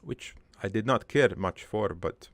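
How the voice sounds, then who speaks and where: Playing an old cartoon dad who narrates his life from beyond the grave, a man delivers an improvised first-person monologue in a gravelly, lowish voice. His halting rambling mixes crude deadpan humour with a wistful, doting streak. The voice creaks heavily and moves at an unhurried pace, and it sounds close and dry with no room sound.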